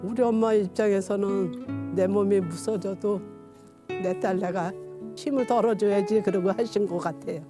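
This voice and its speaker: Telling personal stories in conversation, this interview guest is a woman in her sixties whose speech is plain, homely, and unpolished. Her mid-range voice holds fairly even intonation at a moderate pace. Music sits in the background.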